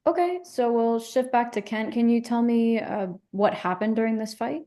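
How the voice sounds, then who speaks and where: A woman playing a calm, validating couples therapist in a counselling role-play, asking gently probing questions in a measured way. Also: a little high, close to an everyday voice. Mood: calm, attentive.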